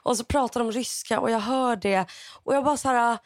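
A woman's voice: on the high side, no echo, clean studio sound. A woman, co-hosting a casual podcast and telling a personal story through tears. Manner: emotional storytelling, near tears, quotes people with "jag bara". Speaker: podcast co-host.

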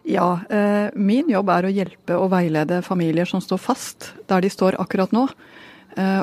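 Female expert guest, calm thoughtful explaining, dry close sound. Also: medium pitch, no echo. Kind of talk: explanatory interview answers.

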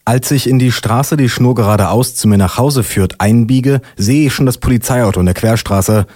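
A man's voice: medium pitch, normal speed, a little mellow, dry recording. Dry sardonic male slam poet. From Leipzig. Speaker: poetry slammer. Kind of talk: performed spoken-word story.

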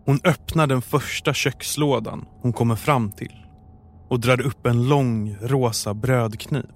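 Calm man narrating true crime. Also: medium pitch. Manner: calm, measured storytelling. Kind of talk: scripted narration.

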